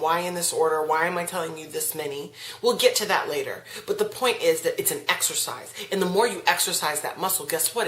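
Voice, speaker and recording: A woman's voice: fairly low pitch, a bit bright, echoey room, low-quality recording. A woman leading a self-help class, speaking emphatically and often asking rhetorical questions. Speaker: class teacher. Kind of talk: spoken self-help lesson.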